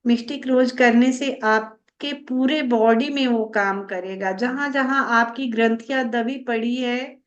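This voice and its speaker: Slow, high-voiced woman spiritual teacher. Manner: calm, unhurried, explanatory with pauses and fillers. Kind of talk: slow spiritual guidance talk.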